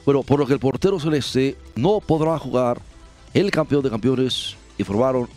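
A man's voice: mid-range voice, moderate pace, darkish tone, soft background music. A man hosting a comedy sports show, reading the news in a newsreader cadence.

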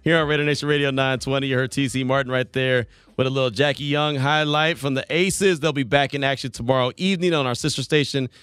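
A man's voice: mid-range voice, steady tone, fast talker, few pauses, a bit bright, smooth, dry recording. A man hosting a sports talk radio show, chatting casually, repeating himself and laughing easily. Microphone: studio microphone.

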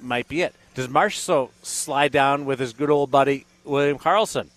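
A male sports radio host in casual discussion. His voice is medium in pitch. He thinks aloud as he analyzes, in the loose style of live talk radio. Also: a bit bright, no room sound.

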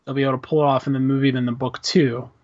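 A man's voice: medium pitch, flat delivery, very fast, a little mellow. A man in casual chat, giving his opinions and thinking aloud with restarts. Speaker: podcast co-host discussing a film and comic. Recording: dull lo-fi sound.

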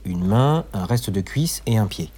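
A man doing a well-meaning, bumbling male inspector in a comedy audio drama. He speaks courteously and a bit pedantically, with a husky edge to his voice. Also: fairly low pitch, expressive, unhurried, mellow. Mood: pedantic. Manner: polite, clumsy, pedantic.

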